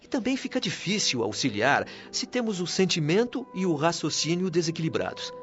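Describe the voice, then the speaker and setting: A Brazilian man voices the patient, wise spirit guide of a heavenly colony in a radio drama, delivering earnest, formal lessons. His voice sits on the high side and is fairly bright, very animated and brisk. Music runs under the dull, lo-fi recording.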